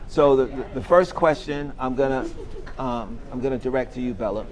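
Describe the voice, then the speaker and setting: A man in his forties hosting a casual panel chat, steady and organized, often repeating a word as he starts a sentence. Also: medium pitch, moderate pace, low-quality recording. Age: 40s. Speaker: podcast host.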